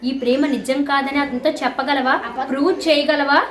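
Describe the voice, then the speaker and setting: A scheming young woman who throws down a taunting challenge, played by a woman rehearsing a scene. Her high voice rings with room echo, calling someone's bluff in a short amateur film. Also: steady tone, normal speed, a bit bright, slight background noise.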